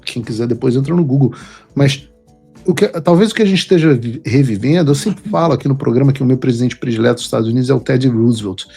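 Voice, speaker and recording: A male host delivers political commentary in an emphatic, lecturing manner. His voice is somewhat husky and sits at a middle pitch. Faint music plays softly underneath. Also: quick pace.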